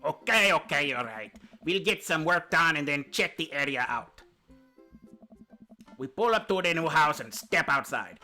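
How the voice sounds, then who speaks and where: A man's voice: fairly high pitch, animated, normal speed, sharp tone, soft background music. A man reading a dating sim aloud on a stream as the dad, with playful joking asides.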